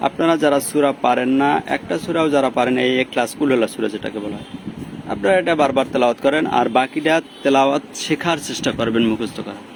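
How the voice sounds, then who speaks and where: Gravelly man teaching recitation outdoors. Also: mid-range voice, background noise. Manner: drawn-out chanted recitation between patient explanations. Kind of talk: slow step-by-step pronunciation lesson.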